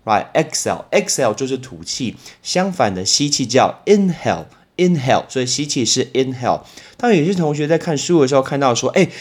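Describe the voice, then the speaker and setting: A man with a Taiwanese Mandarin accent teaching vocabulary in a casual podcast lesson, telling lively stories and slowing down to repeat and spell English words. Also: medium pitch. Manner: storytelling with lively exclamations.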